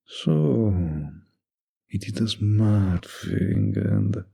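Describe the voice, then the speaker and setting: Playing a smooth-talking mafia boss for an ASMR roleplay, a man uses a deep, very raspy voice with gravelly fry at the edges and wildly swinging pitch. His teasing and threats share one unhurried, dominant, flirty drawl, dark in tone and exaggerated, yet measured and formal in mood.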